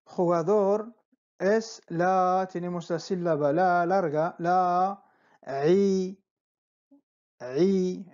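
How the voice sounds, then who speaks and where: A patient teacher talks at a very slow pace, stretching out each syllable. The tone is dark and mellow, and the recording sounds dull and lo-fi. Each word is repeated several times, with frequent checks of "¿vale?". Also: medium pitch, steady tone. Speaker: Arabic teacher. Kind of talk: slow spelling-out lesson.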